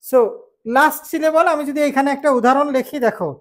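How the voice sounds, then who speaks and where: A woman from Bangladesh teaching an English spelling rule, explaining slowly, repeating key points and checking that students follow. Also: sits high, a bit bright. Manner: slow, repetitive explaining with check-in questions. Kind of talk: classroom spelling lesson.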